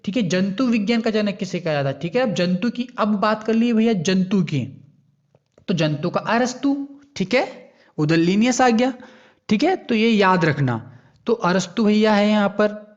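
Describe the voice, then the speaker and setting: A young man with a fairly high voice talks through quiz answers in a loose, chatty tutoring style. He keeps checking in with his listeners and repeating himself. The recording sounds dull and lo-fi. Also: lively intonation, normal speed. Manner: chatty, repeats "ठीक है ना" and calls listeners "भैया". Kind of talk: casual exam-prep explanation.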